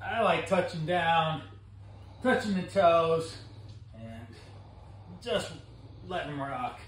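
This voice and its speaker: A man in his thirties, a fitness coach, talking through a workout in an energetic, instructive way in his home barn gym. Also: on the high side, a little hiss or hum. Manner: energetic, instructive, brisk cues. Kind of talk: workout vlog narration. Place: large home gym in a barn with metal walls. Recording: echoey barn room.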